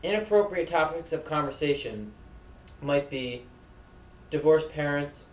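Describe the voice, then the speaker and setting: A young man with a fairly high, expressive voice hosts a mock safety video from his dorm room, speaking at a measured pace. His scripted narration is earnest, solemn, and preachy. The room is echoey.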